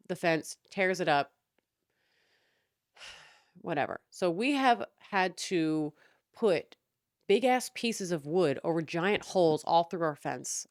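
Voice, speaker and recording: A young woman rants through a casual story with a chatty, exasperated edge, swearing freely. Her voice sits on the low side. The recording is dry and close, with no room sound. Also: dry recording. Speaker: podcast host.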